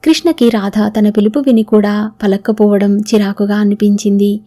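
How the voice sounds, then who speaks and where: A woman's voice: medium pitch, fairly even intonation, normal speed, mellow. A woman narrating a novel aloud as an audiobook, reading both spouses' lines in her own voice.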